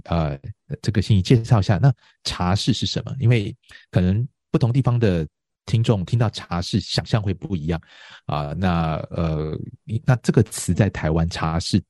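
A man hosting a conversational interview, explaining things in a measured way and guiding his guest with questions. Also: deep voice, dark tone, no echo, clean studio sound. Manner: measured, explanatory, frequent affirming murmurs. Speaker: interviewer, host.

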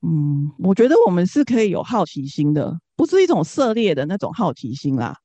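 A woman's voice: fairly low pitch, sing-song, fairly quick, dark tone, dry recording. A woman from Singapore with a Singaporean accent, sharing reflectively and casually as a guest in a conversational interview.

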